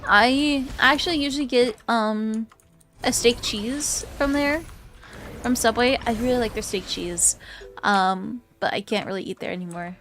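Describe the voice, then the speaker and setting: Slow-talking young woman streamer. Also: fairly high pitch, a bit bright, a little hiss or hum. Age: 20s. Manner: rambling, giggly, chatty with many fillers. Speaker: VTuber streamer. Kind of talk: casual chat with stream viewers.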